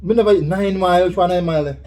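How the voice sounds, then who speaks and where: A man with a Jamaican accent hosting a casual, playful quiz challenge, teasing in an animated way and talking to viewers. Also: high-pitched, fast. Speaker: challenge video host.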